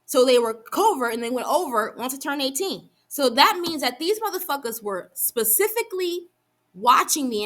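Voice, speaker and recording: A young woman venting heatedly to the camera, swearing often and rushing through run-on sentences with frequent restarts. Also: a little high, a bit bright. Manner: heated and profane, rapid run-on talk with restarts. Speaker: vlogger. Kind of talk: angry venting monologue.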